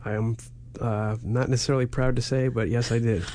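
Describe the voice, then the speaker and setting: A man's voice: medium pitch, little pitch movement, fairly quick, a little mellow, slight background noise. A middle-aged man co-hosting a casual podcast chat, mostly giving short, dry replies. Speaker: podcast co-host. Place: home in upstate New York.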